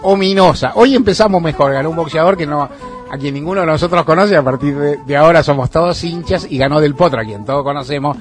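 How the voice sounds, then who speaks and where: A man's voice: fairly high pitch, fast, soft background music. A man hosting a radio talk show in Argentine Spanish, musing in a wry, ironic way and chuckling as he talks. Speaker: radio host. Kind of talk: casual radio monologue.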